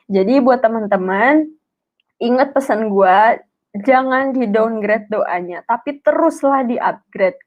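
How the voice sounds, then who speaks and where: A woman's voice: fairly high pitch, takes it slowly. A young woman with tells a personal story in an emotional, rambling way, full of filler words. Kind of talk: personal testimony. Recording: tinny phone-like sound.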